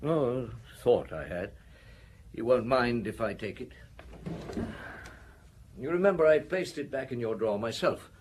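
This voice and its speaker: A man's voice: mid-range voice, expressive, measured pace, long pauses, darkish tone, a little hiss or hum, lightly acted. A man playing a shrewd, stern, middle-aged police inspector in a radio detective drama, questioning with formal authority. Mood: firm, measured.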